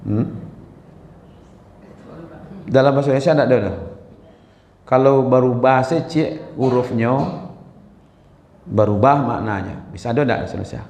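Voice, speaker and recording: A man's voice: mid-range voice, moderate pace, long pauses, a little mellow, slight background noise. A man giving an informal Quran lesson, talking conversationally, checking in with listeners and chanting short verses as examples. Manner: conversational, asks the audience "ya kan?" often. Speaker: Quran study teacher. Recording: roomy hall echo.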